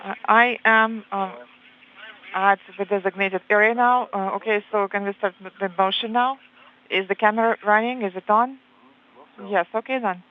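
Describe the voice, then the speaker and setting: A woman interpreting radio calls live, in short halting phrases, over a radio feed. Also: medium pitch, fairly even intonation. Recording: phone-like radio feed with humming noise.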